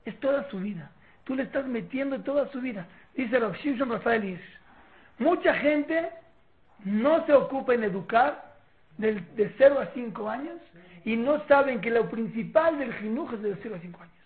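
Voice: mid-range voice, moderate pace. A teacher with a Mexican accent giving a religious parenting lecture, acting out family scenes with mocking rhetorical questions. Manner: lively, acts out family scenes with mock questions. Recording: tinny phone-like line with faint noise.

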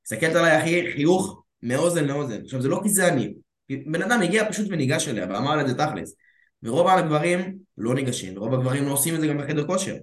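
A man's voice: fairly high pitch, expressive. A man talking as a dating coach in casual chat, calling his listener bro and acting out bits of dialogue. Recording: roomy echo.

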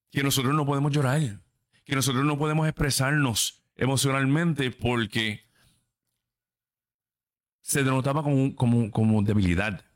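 A man's voice: mid-range voice, a bit bright. Blunt, profane man. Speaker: podcast host. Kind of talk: casual livestream chat.

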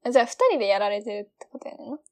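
A woman's voice: mid-range voice, racing, darkish tone. A young woman with a Kansai accent co-hosting a podcast, chatting casually and laughing often. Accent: Kansai Japanese. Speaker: podcast co-host. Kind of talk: casual chat.

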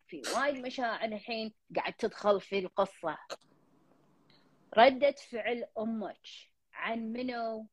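Husky Gulf Arabic woman counseling earnestly. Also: a little high, normal speed, no room sound. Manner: earnest and repetitive, mixing in English fillers. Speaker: advice show host counseling a caller. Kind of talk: counseling call-in chat. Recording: dull lo-fi dry sound.

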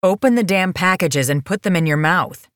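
A woman's voice: sits low, expressive, slow pace, dry recording, clean studio sound. A woman voicing a blunt, caring young woman who talks firmly and directly. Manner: firm and direct.

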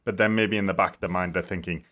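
Deep-voiced chatty podcast host. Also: male voice, steady tone, quick pace, a bit bright. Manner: chatty, curious, laughs easily. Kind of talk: casual podcast interview.

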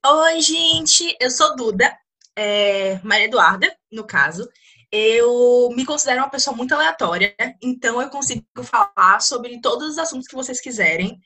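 A talkative, expressive woman introducing herself casually as a podcast co-host. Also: a little high, normal speed.

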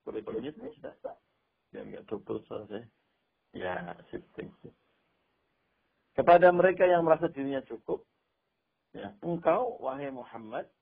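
Over an online call, a male Islamic preacher gives a casual lesson of Quran commentary, animated and leaning on spoken examples and repetition. His voice is on the high side, creaky with a breathy edge, and the line sounds tinny like a phone.

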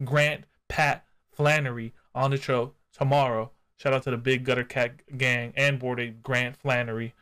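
A man's voice: medium pitch, a bit bright. A man hosting a live-streamed podcast, talking in hyped, slangy banter and swearing freely. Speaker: podcast host. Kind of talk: casual live-stream chat.

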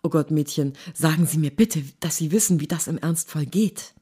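A woman voicing a gruff, grumbling male war reporter who scolds and sighs, in an audiobook reading. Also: low-pitched, normal speed, warm tone. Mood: worried. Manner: grumbling, exasperated, hisses and scolds.

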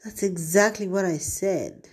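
A woman's voice: medium pitch, unhurried, darkish tone, slightly rough. A woman voicing a smug, predatory young man in an audiobook reading, with a taunting, sneering delivery.

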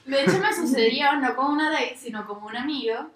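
A Venezuelan woman co-hosting a casual chat, telling lively stories and acting out what others said. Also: sits high, fairly quick. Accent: Venezuelan Spanish. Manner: lively storyteller, acts out dialogue. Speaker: podcast co-host. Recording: echoey room, from a distance.

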